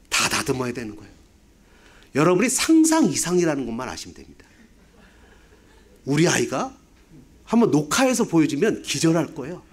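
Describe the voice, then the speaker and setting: A man in his fifties, a pastor, preaching a sermon with rhetorical questions and humorous asides. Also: high-pitched. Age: 50s.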